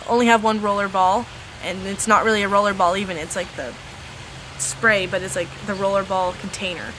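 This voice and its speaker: A woman's voice: mid-range voice, steady tone, fairly quick, background noise. A teenage girl vlogging from home, chatting casually through a beauty tag in a rambling way, with lots of ums and likes. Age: teens. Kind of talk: casual chat answering a tag.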